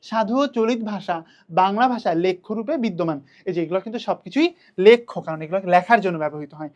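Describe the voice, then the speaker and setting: A woman's voice: mid-range voice, fairly quick, darkish tone, dull audio. A young adult woman with a Bangladeshi Bengali accent, teaching an online class and answering her own questions as she goes. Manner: asks questions then answers them herself.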